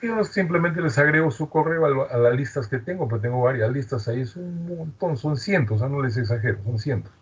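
A man's voice: mid-range voice, quick pace, hardly any pauses, slightly rough, lo-fi sound. A man with a Peruvian Spanish accent giving an online lecture, chatty and explanatory, often checking in with students. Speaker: university lecturer.

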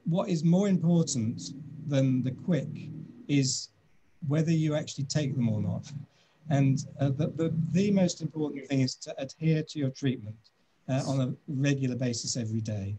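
A man in his sixties with a British accent, a doctor answering webinar questions on a video call from his office, speaking in a measured, thoughtful way with many pauses. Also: mid-range voice, dark tone, breathy edge.

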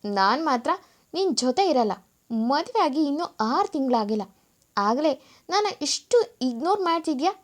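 A woman's voice: high voice, very animated, normal speed. A woman reading aloud voices a young wife who scolds her husband through tears. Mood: tearful anger. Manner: sobbing, scolding. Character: young wife, upset and tearful.

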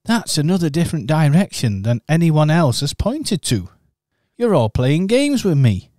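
A man's voice: on the high side, big pitch swings, normal speed, warm tone, no echo, clean studio sound. A man voicing a polite, earnest male teddy bear in an amateur radio pantomime, talking in a slightly bewildered way.

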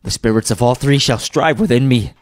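A man's voice: on the low side, a little slow, vocal fry, a little mellow. A man voicing a repentant old miser in a storybook, fervent and exclamatory, with breathless, effusive delivery. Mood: fervent gratitude. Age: older.

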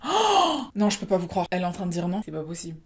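A woman's voice: on the low side, steady tone, very fast, a crowd in the background. A young woman hosting a casual reaction vlog, gushing and exclaiming and mixing English words into her talk. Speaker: reaction video host.

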